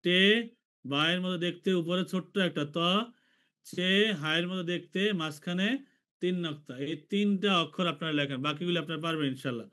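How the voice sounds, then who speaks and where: A man from Bangladesh teaching an online language class, slowly repeating each letter for his students. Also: fairly high pitch, fairly bright tone. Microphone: video call.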